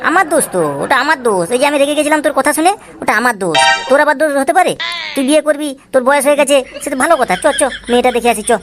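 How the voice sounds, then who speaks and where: A woman's voice: racing, background noise, natural voice. A woman doing a two-faced cartoon father. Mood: placating. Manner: coaxing aloud, cursing in low mutters. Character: scheming father, sweet to son, grumbling aside. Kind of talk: Tweencraft cartoon voice acting. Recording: music playing behind the voice.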